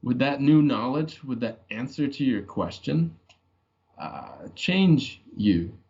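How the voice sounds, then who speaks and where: A man's voice: mid-range voice, expressive, slow, creaky, warm tone. A male guest speaking in a conversational podcast interview, earnest and reflective, working through hypothetical questions. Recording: dull lo-fi audio.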